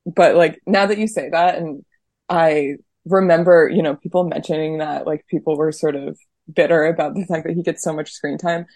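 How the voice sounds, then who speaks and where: A woman's voice: low-pitched, fairly even intonation, normal speed, a little mellow, no room sound. A woman guest on a podcast, talking casually and thoughtfully, hesitating often and saying "like" a lot. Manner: thoughtful, hesitant, heavy use of "like". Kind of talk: casual chat.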